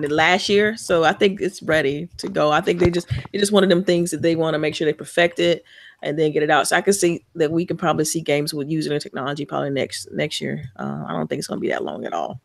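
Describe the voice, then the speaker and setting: A woman with a low, gravelly voice co-hosts a gaming podcast over a video call. She talks in a relaxed way and reasons her points out as she goes. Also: no echo. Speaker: podcast co-host. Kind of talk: casual group chat over a call.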